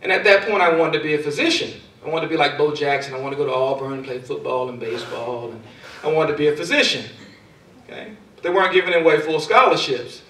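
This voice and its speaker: Male speaker, fairly high voice, motivational storytelling, roomy hall sound, mic at a distance. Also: fast talker, slight background noise. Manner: storytelling with dramatic swings in loudness. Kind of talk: motivational speech. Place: large hall. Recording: echoey hall, far from mic.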